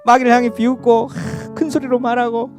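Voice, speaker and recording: A male pastor with a very high voice preaches briskly at Sunday service in a church sanctuary, with faint music behind him. His delivery is animated as he calls out for amens and leads the congregation in repeating after him.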